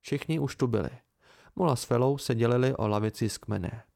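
A man reading fiction aloud for an amateur audiobook, telling it steadily in first person. His mid-pitched voice carries a strong gravelly fry. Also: a little mellow. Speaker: audiobook reader.

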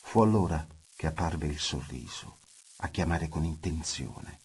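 A man reading a literary novel aloud in an intimate, measured way, slipping into the characters' dialogue as he goes. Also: extremely low pitch, animated, a little hiss or hum. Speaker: audiobook reader.

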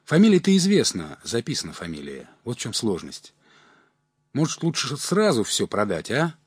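A man's voice: mid-range voice, huge pitch swings, moderate pace, breathy edge, dry recording, studio quality. Man putting on a sly old market hustler. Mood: scheming. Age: older. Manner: wheedling, sighing, rustic folksy talk. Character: sly older male market hustler, sighing, wheedling. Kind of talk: audiobook character voice.

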